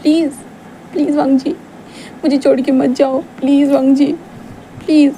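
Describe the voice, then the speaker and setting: Young man, tearful and flustered, a woman doing him, high stammering pleas, storybook reading. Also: little pitch movement, unhurried, mellow, slight background noise. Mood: tearful pleading. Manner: stammering, breathless pleading.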